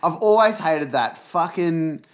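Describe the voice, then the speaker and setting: A man's voice: on the high side, lively intonation, measured pace. A young man co-hosting a casual podcast, who sounds laid-back, agrees along readily and talks in slang. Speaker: podcast co-host. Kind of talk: casual chat.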